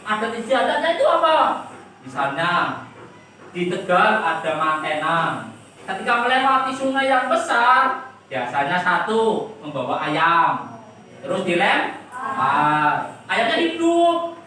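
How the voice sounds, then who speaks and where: A woman's voice: fairly low pitch, big pitch swings, a little slow, bright, forceful tone, slight background noise. A woman teacher giving a classroom lesson, quizzing and coaxing her pupils with repeated questions. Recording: echoey classroom from far off.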